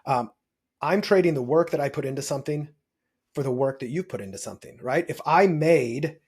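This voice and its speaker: A man's voice: on the high side, lively intonation, a little fast, darkish tone, breathy edge. A man talking as a guest on an interview podcast, explaining step by step, punching key words and checking in with "right?". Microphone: video podcast mic.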